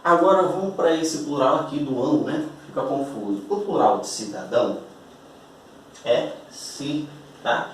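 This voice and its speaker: A man's voice: fairly high pitch, moderate pace. Guy teaching a grammar class, keeps asking "got it?", sounds far from the mic, faint room hiss. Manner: chatty, checks in with "tá?" and "beleza?"; explains at a board, stretching out key words. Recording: roomy, distant echoey classroom audio.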